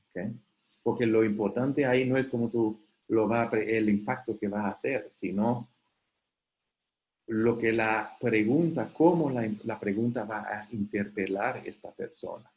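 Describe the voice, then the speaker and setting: A man facilitating an online webinar. He explains in a conversational way, often checks in with "ok?", and briefly acts out quoted questions in a higher voice. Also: darkish tone, dull audio. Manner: conversational, often tags sentences with "¿ok?". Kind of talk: live online talk.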